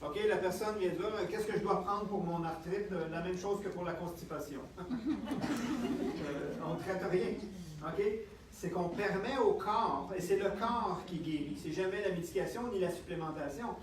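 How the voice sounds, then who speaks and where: A man with a Quebec French accent gives a lively talk to a live audience. He keeps checking in with the listeners. His voice sits high, and it is picked up from a distance in an echoey room with faint ambience. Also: normal speed, slight background noise. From Canada. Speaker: health speaker.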